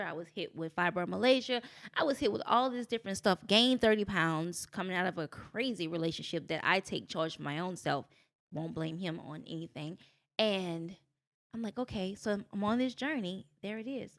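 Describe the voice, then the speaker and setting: Lively woman telling her story. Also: brisk. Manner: animated storytelling, jumps into high voices for quotes. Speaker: guest. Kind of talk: casual podcast conversation.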